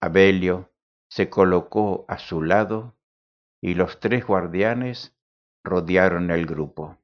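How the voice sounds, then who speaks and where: A man narrating an audiobook in a measured, deliberate way. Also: deep voice. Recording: dull lo-fi recording.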